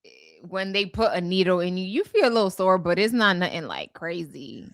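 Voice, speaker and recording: A woman's voice: lowish voice, animated, a little fast, dry recording, clean studio sound. A woman in her twenties co-hosting a podcast, teasing her friend bluntly in casual chat. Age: 20s. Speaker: podcast co-host.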